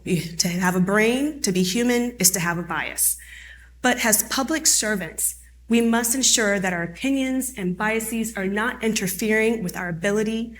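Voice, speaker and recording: Her mid-range voice has a fairly bright tone as she runs a conference workshop, keeping things conversational and regularly asking attendees questions. She's in her thirties and grew up speaking French and Haitian Creole.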